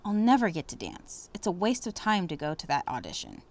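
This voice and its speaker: A woman's voice: fairly low pitch, wildly swooping pitch, darkish tone. A woman reading the lines of a sassy young girl in a children's storybook. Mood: upset. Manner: quick comebacks.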